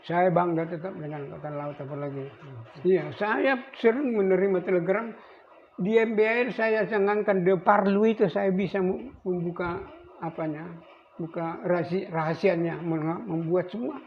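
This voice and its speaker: An elderly man in his eighties, a navy veteran, recalling his service in a rambling, halting way with many restarts. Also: high voice. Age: 80s. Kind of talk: recorded interview. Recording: dull lo-fi recording with faint noise.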